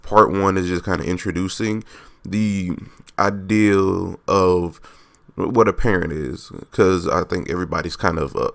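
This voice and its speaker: A young man with a low, gravelly and raspy voice hosts a casual solo podcast. He rambles loosely, restarts his thoughts and corrects himself as he goes. The sound is dry and close, with no room around it. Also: dry recording. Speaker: podcast host.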